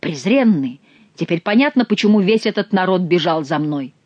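A woman voicing an angry male courtier who swears and tells of his rough treatment in an audiobook. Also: fairly low pitch, expressive, moderate pace, a little mellow, no room sound, highs cut off. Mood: furious. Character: furious male courtier dyed blue.

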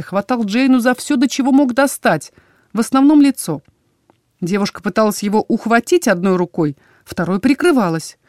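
A woman reading a first-person fantasy audiobook with expressive, dramatic storytelling. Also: a little high, dry recording, studio quality. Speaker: audiobook narrator.

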